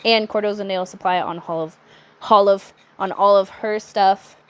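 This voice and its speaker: A young adult woman talking through a nail art tutorial in a chatty, relaxed way, with self-correcting asides. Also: medium pitch, moderate pace, smooth. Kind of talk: casual step-by-step tutorial narration.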